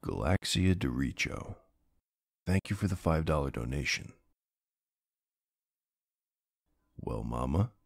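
A man's voice: very deep voice, gravelly, dry recording, studio quality, heavily acted. A man playing a young streamer boyfriend in a role-play, chatting casually in a playful, teasing, easily flustered and affectionate way. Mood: sheepish, playful. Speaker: roleplay voice actor.

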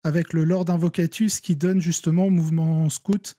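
A man's voice: fairly high pitch, little pitch movement, moderate pace, warm tone, dry recording, clean studio sound. A man with a French accent explaining game tactics in a casual chat, with many fillers and restarts. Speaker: guest player. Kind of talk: casual gaming discussion.

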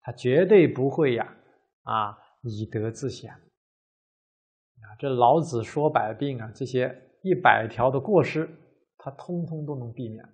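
A man giving a measured Buddhist dharma lecture, drawing out his phrases and filling pauses with many drawn "ah" sounds. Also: mid-range voice, darkish tone, breathy edge.

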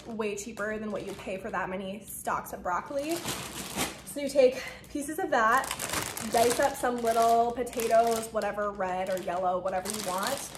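Young female home vlogger, casual and rambling, a little out of breath, recorded in an echoey room. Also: fairly high pitch. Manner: chatty, rambling, lots of "like" and "um". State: a bit out of breath. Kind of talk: casual talk-through of meal prep. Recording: echoey room with faint noise.

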